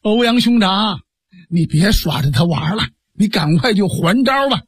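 A male storyteller voicing a courteous senior bandit leader who speaks in a measured, persuasive way. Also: sits high, expressive, husky, no room sound, studio quality, heavily acted. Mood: earnest.

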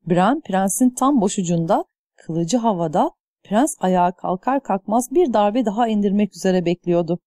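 A woman reading an audiobook in scripted narration, with a measured, even delivery. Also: medium pitch, no room sound, clean studio sound.

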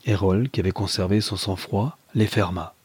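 A man narrating a classic novel in a measured, even storytelling manner. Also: fairly low pitch, breathy edge, no echo. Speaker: audiobook reader.

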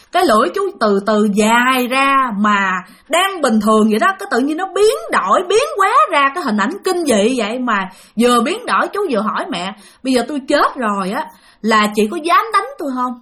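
A woman's voice: high-pitched, bright, forceful tone. Chatty woman telling a ghost story. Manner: chatty, addresses listeners directly. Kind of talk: spoken ghost story narration.

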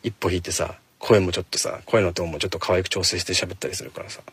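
A man hosting a casual solo talk show from inside a parked car, speaking quickly and chattily into a handheld phone and jokingly scolding his listeners. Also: sits low, fairly even intonation, fairly bright tone, husky. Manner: fast-talking, chatty, mock-scolding listeners. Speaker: radio show host. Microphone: phone held in hand.

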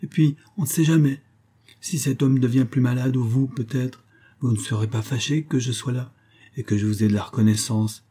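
Male narrator as a dignified grieving lady, firm, earnest, husky voice. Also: mid-range voice, fairly even intonation, moderate pace, mellow, voice pushed up, natural voice. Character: dignified grieving middle-aged woman, firm.

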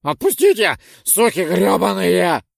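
A man's voice: sits high, big pitch swings, measured pace, dry recording, clean studio sound, pitched above the performer's own voice, full character voice. A man voicing a wounded, foul-mouthed male companion who screams curses in panic. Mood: furious panic. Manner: hoarse, screaming and cursing.

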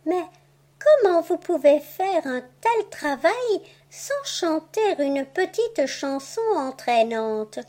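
A cunning, boastful rabbit trickster, as a woman reader puts him on for a storybook. He talks high and unhurried with a teasing, playful slyness. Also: big pitch swings, a little mellow, exaggerated voice. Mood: sly. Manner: sly, playful, theatrical. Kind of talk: audiobook tale reading.

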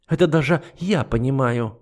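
A man voicing a shrill, hysterical noble duchess in an audiobook, who wails and pleads. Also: normal speed, darkish tone. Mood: indignant. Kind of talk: audiobook character voice.

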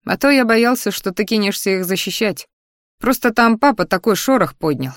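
A woman's voice: mid-range voice, expressive, moderate pace, no room sound, clean studio sound, lightly acted. A woman reading the part of a nervous, earnest young man who is courting the heroine in a storybook.

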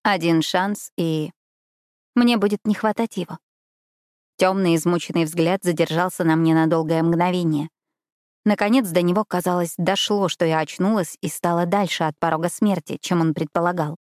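A woman reading a novel aloud in the first person, with steady, measured storytelling. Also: on the low side, no echo, studio quality. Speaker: audiobook narrator. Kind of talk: first-person scripted narration.

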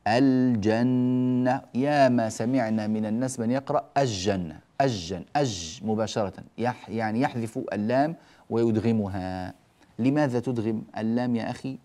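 Man, recitation teacher, slow drawn-out example words, direct address to students. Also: medium pitch, mellow. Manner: addresses listeners directly, mildly scolding asides. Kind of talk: religious lesson explaining tajweed rules.

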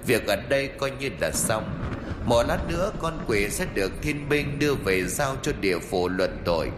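A man voicing a solemn disembodied immortal sage who admonishes, speaking softly in a horror story. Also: medium pitch, expressive, moderate pace, reverberant, big-room sound, noisy background, close to an everyday voice. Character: stern disembodied immortal sage's voice.

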